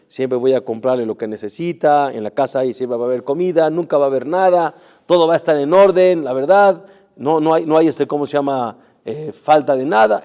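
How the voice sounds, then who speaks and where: Emphatic man preaching, higher voice. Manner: emphatic, rising and dropping loudness, rhetorical questions to the audience; sprinkles Hebrew terms into Spanish. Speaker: rabbi. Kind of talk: Torah class sermon.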